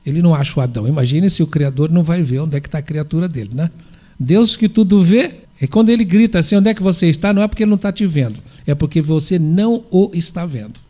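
A man's voice: on the high side, animated, fast talker, dark tone. A man giving a spiritual sermon, posing rhetorical questions and answering them himself. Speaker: spiritual lecturer. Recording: dull lo-fi recording.

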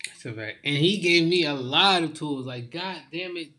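A young man talking casually and openly, full of informal slang and halting restarts. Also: on the high side, bright, forceful tone. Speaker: guest. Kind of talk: casual heartfelt conversation.

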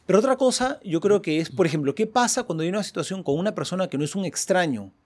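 A man with a fairly high voice talks casually among others. He recounts things in an animated way and keeps seeking agreement with little tag questions. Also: fast talker. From Peru. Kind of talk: casual group conversation with anecdotes.

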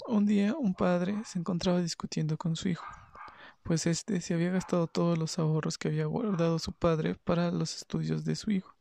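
A man reading his own story aloud in a plain, steady narration. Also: fairly high pitch, brisk, vocal fry.

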